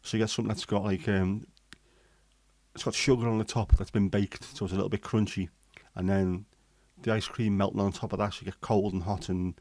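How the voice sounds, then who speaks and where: Briskly and with little pitch movement, a livestream host from England chats in a lowish, darkish voice. He reads and answers live comments in a rambling, casual way, with frequent ums and restarts, and there is no room sound.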